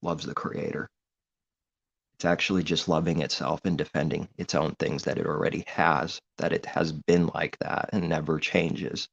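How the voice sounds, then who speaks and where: A man with a very deep, gravelly voice preaches informally in an earnest, rambling way. The recording is dull and muffled, with a low-fi edge. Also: flat delivery, normal speed. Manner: earnest, rambling, grows heated. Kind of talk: informal religious monologue.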